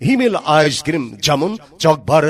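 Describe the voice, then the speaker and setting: A man's voice: on the high side, lively intonation, normal speed. A man with a Bangladeshi accent reading a scripted promotional ad in a chanting, repetitive salesman's patter. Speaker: advertisement announcer.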